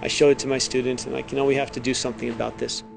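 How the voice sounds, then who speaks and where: A man's voice: mid-range voice, level tone, racing, creaky. A middle-aged man, a teacher, telling his story and explaining in an interview style. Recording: music behind the voice. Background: music.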